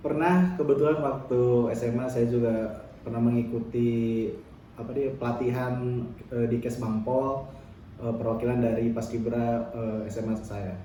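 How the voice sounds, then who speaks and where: 20s student guy, very dark mellow voice, flat delivery, lots of ums, big echoey room, far from the mic. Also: medium pitch, unhurried, a little hiss or hum. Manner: hesitant, with many fillers. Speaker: university student. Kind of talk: interview answers.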